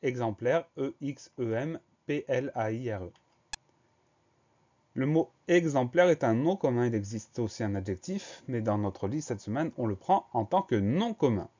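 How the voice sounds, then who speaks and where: A man's voice: medium pitch, lively intonation, moderate pace, warm tone, lo-fi sound. A man teaching a spelling lesson, patiently spelling words letter by letter. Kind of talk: slow dictation lesson.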